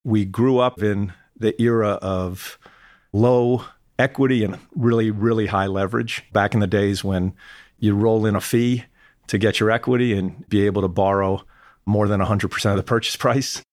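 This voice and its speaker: A mature male executive talks casually as an interview guest. His voice is on the low side and recorded very dry, with no room sound. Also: steady tone, normal speed, darkish tone, no echo. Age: middle-aged or older. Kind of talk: casual conversational interview answers.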